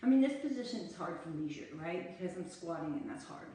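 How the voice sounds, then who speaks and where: A woman's voice: on the low side, animated, quick pace, mellow, a little hiss or hum. A middle-aged woman giving casual workout instruction while exercising at home, chatty and short of breath between bursts. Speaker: fitness instructor. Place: home room near stairs. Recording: echoey room, camera far off.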